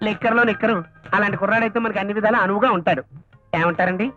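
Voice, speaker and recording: An actor playing a timid, henpecked husband in a comedy film. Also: male voice, sits high, steady tone, very fast, natural voice. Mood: meek. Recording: dull old film soundtrack with music.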